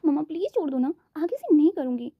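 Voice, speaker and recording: A woman's voice: high-pitched, very animated, quick pace, no echo, phone-quality sound, pitched above the performer's own voice. A woman voicing a lazy young woman who whines and pleads to be let off. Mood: pleading. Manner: whiny, pleading.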